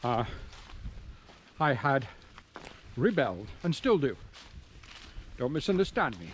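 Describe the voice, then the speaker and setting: Slow yet very animated, the man speaks in a mid-range voice, wandering verbally and often stopping himself mid-thought as he addresses viewers on his hike. He's outdoors on a country road and rural trail, filmed with a handheld camera amid noisy outdoor ambience.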